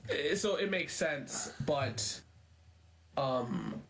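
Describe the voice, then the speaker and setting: A young man chatting as a guest, emphatic and quick to cut in with his own points. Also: a little high, animated, gravelly, a bit bright, a little hiss or hum. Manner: emphatic, interrupts to make points. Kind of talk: casual chat.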